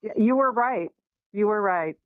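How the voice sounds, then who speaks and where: A woman's voice: medium pitch, animated, unhurried, no echo. Woman caller, tinny phone line breaking up, teasing, dry sound. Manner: teasing, playful. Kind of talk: casual call-in chat. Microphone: telephone.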